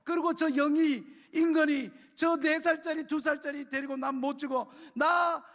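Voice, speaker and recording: A man's voice: sits high, lively intonation, moderate pace, big-room sound. A man voicing a desperate young mother, pleading in a raised voice.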